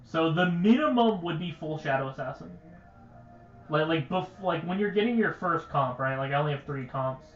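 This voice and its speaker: A man's voice: a little high, animated, moderate pace, fairly bright tone, echoey room, dull audio, soft background music. Rambling young man streaming a game. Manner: rambling, stuttering, full of "like". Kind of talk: casual livestream talk.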